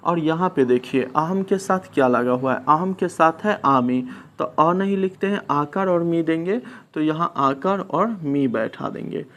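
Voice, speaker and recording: A man's voice: fairly high pitch, animated, a bit bright. A man teaching a lesson, patiently posing questions and answering them himself. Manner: slow, patient, asks and answers his own questions. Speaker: Sanskrit teacher. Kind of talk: classroom lesson explaining translation.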